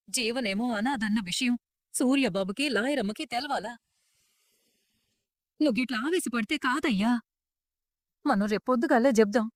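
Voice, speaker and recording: A woman's voice: fairly high pitch, dark tone, dry recording, studio quality, natural voice. A woman voicing a worried village mother with a Telangana accent, pleading and urgent in a serial recap. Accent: Telangana Telugu.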